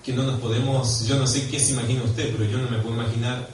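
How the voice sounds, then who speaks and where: Chilean male pastor, lively sermon delivery, questions the flock, recorded from afar in a reverberant church with faint hiss. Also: medium pitch, quick pace. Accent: Chilean Spanish. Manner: animated, swings from quiet to loud and emphatic; questions and prompts the congregation directly. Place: church hall. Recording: echoey church hall, mic far off.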